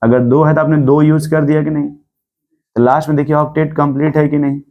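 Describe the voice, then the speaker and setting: A male chemistry teacher lectures his class in a voice a little high for a man, with little pitch movement and phone-quality sound. He keeps firing quick rhetorical questions at the room and slips English terms into his explanations.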